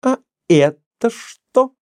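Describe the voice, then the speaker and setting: An eager, stubborn young woman who talks with excitement and insistence, as a male reader puts her on. The voice is raised well above his own and swings widely. It is a dry, close storybook reading. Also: medium pitch, normal speed, no echo.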